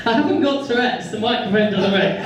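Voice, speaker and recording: A woman's voice: mid-range voice, fairly quick, distant mic, a loud crowd. A woman from England doing a stand-up comedy set in a comedy club, wry and self-mocking and swearing freely, with audience laughter behind her. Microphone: stage microphone. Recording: echoey club room, off-mic.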